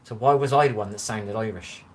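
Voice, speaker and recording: A man's voice: lowish voice, brisk. A chatty man with a Bristolian West Country accent, rambling and easily amused as he reads out viewer comments on a phone live stream from his room. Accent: Bristolian West Country English. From Bristol, England. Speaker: livestreamer. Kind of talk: casual live-stream chat reading comments. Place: his own room, lights low.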